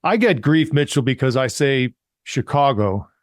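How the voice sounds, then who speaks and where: A man hosting an interview show, asking short, relaxed follow-up questions. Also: a little high, a little fast, no echo, clean studio sound. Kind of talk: casual interview conversation.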